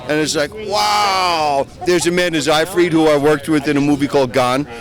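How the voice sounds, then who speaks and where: A man's voice: fairly high pitch, moderate pace. A middle-aged man, an actor, speaking eagerly and enthusiastically in a red carpet interview outdoors. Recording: busy crowd chatter outdoors.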